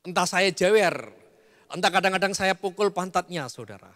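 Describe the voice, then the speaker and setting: A middle-aged male pastor preaching an animated sermon, addressing the congregation with asides and emphatic bursts. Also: high-pitched, normal speed. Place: church hall. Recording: long church hall reverb.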